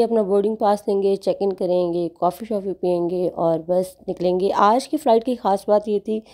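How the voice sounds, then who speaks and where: A woman's voice: medium pitch, dark tone. A woman with a Pakistani accent narrates a casual travel vlog chattily, dropping English phrases into her speech. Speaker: travel vlogger.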